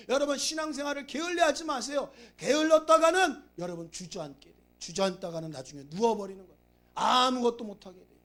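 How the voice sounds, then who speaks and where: A male pastor preaches a sermon in a very high, slightly bright voice. He urges his congregation on with emphatic repetition and stories.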